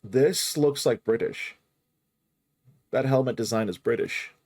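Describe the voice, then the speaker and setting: A man hosting a gaming reaction video, a mid-pitched voice that jumps up when something excites him. He swears freely and talks over the clip he is watching. The delivery stays casual and loose. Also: measured pace.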